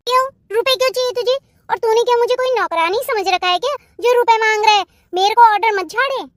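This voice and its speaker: Woman doing a super high-pitched cartoon bahu, bossy and mouthy, dry close sound. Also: dry recording. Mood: defiant. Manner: scolding, quick retorts. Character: sharp-tongued young daughter-in-law, defiant.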